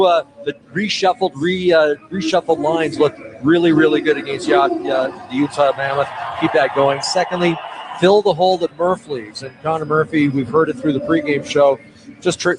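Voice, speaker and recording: A male color commentator breaking down a hockey matchup on radio in a loose, conversational way with lots of fillers. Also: a little high. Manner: conversational, many fillers and restarts. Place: arena broadcast booth. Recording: noisy arena radio feed.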